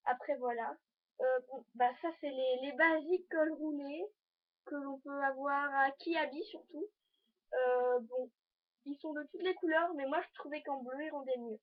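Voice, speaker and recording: A teenage girl chatting in a casual fashion vlog, rambling and hesitant as she shows items to her viewers. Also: sits high. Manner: talks to the viewers while showing items. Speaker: vlogger. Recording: dull lo-fi home video recording.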